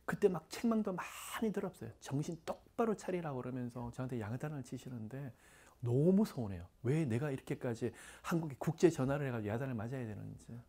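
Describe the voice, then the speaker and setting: Preaching in a loose, conversational style, this middle-aged pastor wanders into frequent asides and keeps dropping to a breathy whisper. He has a medium-pitched, expressive, dark voice and speaks a bit fast.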